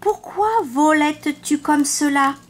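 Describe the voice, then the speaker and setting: Woman doing a pleading little lamb. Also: unhurried. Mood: curious. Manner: pleading, raised high voice. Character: small pleading young male lamb.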